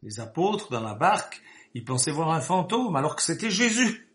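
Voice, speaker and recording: A man delivers a sermon in a talky, rambling way, repeating his points and then swelling into emphatic bursts. His voice sits a bit high for a man. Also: big pitch swings, normal speed, a bit bright. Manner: conversational, repetitive asides, rising emphatic bursts. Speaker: preacher.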